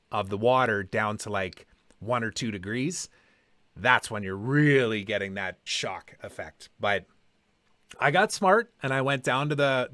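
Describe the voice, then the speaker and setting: A man's voice: medium pitch, bright, forceful tone, dry recording, clean studio sound. A man hosting a podcast, telling personal stories in a casual, conversational way and acting out quoted dialogue. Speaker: podcast host.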